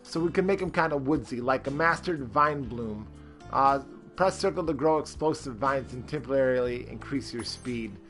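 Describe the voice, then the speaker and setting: A man's voice: medium pitch, normal speed, fairly bright tone, faint music behind. A man streaming a character-creation game, rambling with lots of fillers and greeting chat viewers. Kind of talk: casual live-stream commentary.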